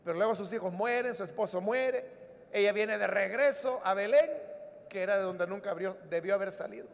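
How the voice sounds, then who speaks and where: A male preacher giving a sermon, retelling Bible stories in an animated way that swings between soft and loud. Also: high voice, a little fast, vocal fry. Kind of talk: sermon with acted-out Bible scenes. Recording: long reverb of a large hall.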